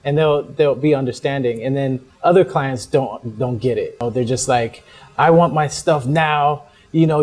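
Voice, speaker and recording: A young man in a casual interview, talking easily with frequent small laughs and fillers. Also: medium pitch. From born in the United States, raised in Hong Kong. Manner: relaxed, laughs often, many fillers. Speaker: interview guest, fashion entrepreneur.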